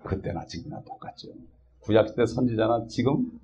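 A man's voice: lowish voice, expressive, fairly quick, mellow, a little hiss or hum. Man preaching a question-filled sermon. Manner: asks the congregation questions, frequent "eh?" prompts. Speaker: pastor. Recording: dull lo-fi recording.

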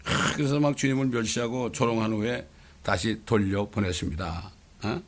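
A middle-aged male pastor preaching a sermon, animated, often tossing "eh?" to the congregation. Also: on the low side, normal speed. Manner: animated, rhetorical questions, frequent "eh?" asides.

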